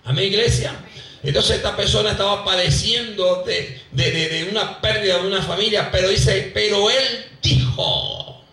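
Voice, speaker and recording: A man's voice: high-pitched, normal speed, bright, forceful tone. A man from Venezuela, a pastor preaching a live church sermon with fervor, repeating phrases and calling out to the congregation. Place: church hall. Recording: echoey hall, voice from far off.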